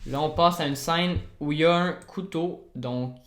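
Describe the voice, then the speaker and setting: A man with a Québécois accent, talking casually through his editing work as a vlogger and breaking into loud, delighted exclamations. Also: a little high, normal speed. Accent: Québécois French. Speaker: video editor and YouTuber. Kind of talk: casual vlog commentary while working. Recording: roomy echo.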